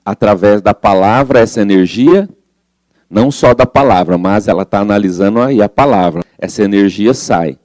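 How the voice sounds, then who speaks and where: A man's voice: on the low side, normal speed, a little mellow, dry recording. A man leading a study group, explaining a spiritual book and reading passages aloud in a conversational way that asks the group questions.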